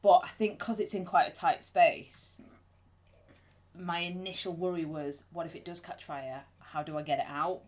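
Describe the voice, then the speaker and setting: A woman's voice: lowish voice, fairly even intonation, normal speed. A woman co-hosting a casual podcast chat, telling stories and acting out quotes in an amateur home recording. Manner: chatty, storytelling, acts out quotes. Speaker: podcast co-host. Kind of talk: casual chat about anxiety.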